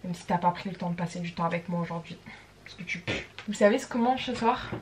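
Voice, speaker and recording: A woman's voice: lowish voice, fast, slight background noise. A young woman, chatting casually in a bubbly, playful vlog and dropping English slang. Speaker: vlogger.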